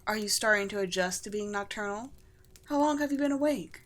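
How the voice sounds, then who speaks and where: A woman performs a gentle undead vampire queen for scripted ASMR, speaking in a formal, poetic register with soft affection and light amusement. Her mid-range voice moves briskly and sounds close to everyday speech, coming across as amused and reassuring.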